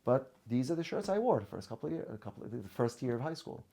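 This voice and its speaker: A Syrian podcast guest whose first language is Arabic tells personal stories earnestly in conversation, often restarting and repeating words. His mid-range voice is gravelly yet mellow, and he talks quickly and very animatedly.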